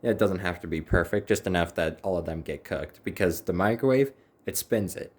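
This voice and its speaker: A man's voice: low voice, a little fast, slight background noise. A man chatting casually to the camera while cooking in his home kitchen, rambling with wry little asides. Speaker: home cook, channel host.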